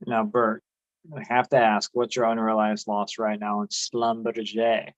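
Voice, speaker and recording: A man's voice: on the low side, monotone, measured pace, no room sound, low-quality recording. A man co-hosting an investing chat, brash and hyped as he pumps up the viewers. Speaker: co-host of a dividend investing channel. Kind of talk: casual chat.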